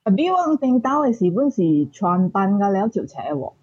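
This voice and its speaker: A woman's voice: medium pitch, very animated, normal speed, a little mellow, breathy edge, lo-fi sound. A woman chiming in with brief remarks in a casual chat. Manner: brief interjections.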